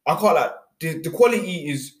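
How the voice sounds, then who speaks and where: Young man, London roadman accent, rapid speech, insistent, slangy casual debate, roomy echo. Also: fairly high pitch, lively intonation. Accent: London roadman, Multicultural London English. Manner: slangy, insistent, repeatedly demanding to be heard.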